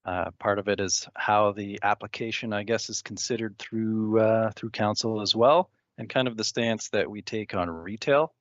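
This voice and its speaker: A man on municipal planning staff answers council questions carefully, hedging and filling pauses. His voice is low, and the dull audio is completely dry. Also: dry recording. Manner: measured, hedging, many fillers.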